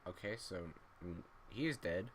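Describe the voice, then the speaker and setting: A man's voice: low voice, animated, moderate pace, slight background noise. A man giving casual, wry gameplay commentary, sleepy and drowsy after just waking up. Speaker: gaming YouTuber.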